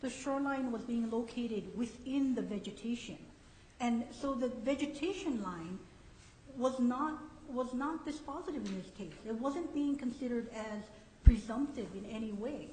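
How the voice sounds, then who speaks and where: Higher-pitched woman lawyer, echoey courtroom. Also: normal speed, a little mellow. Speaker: attorney. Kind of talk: oral argument answering judges' questions. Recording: echoey room, faint noise.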